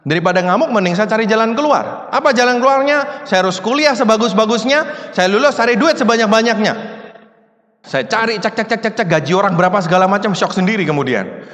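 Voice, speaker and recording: A man's voice: high-pitched, expressive, fast, a bit bright. A man giving a motivational seminar talk to an audience, in a casual, chatty way full of rhetorical questions. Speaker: motivational speaker. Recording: long hall reverb.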